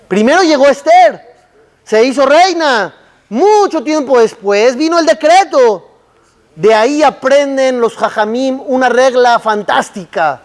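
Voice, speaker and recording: Male rabbi, sermon delivery, very high voice, unhurried emphatic questions. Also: big-room sound. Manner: slow, emphatic teaching with rhetorical questions.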